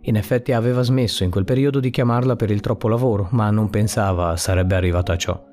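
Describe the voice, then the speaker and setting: A man's voice: on the low side, fast talker. Man narrating a story over faint music. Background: soft music.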